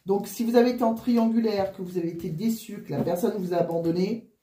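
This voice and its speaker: Woman card reader w flu, wheezy n out of breath, mellow, hesitant, roomy echo. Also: medium pitch, quick pace. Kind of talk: casual spoken card reading.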